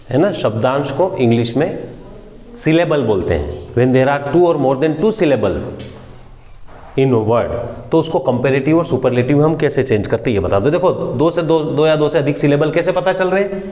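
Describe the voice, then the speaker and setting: Guy teaching grammar in class, fairly high lively voice, big echoey room. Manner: asks students questions and repeats words for them. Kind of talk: classroom lesson explaining grammar. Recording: echoey room with long reverb.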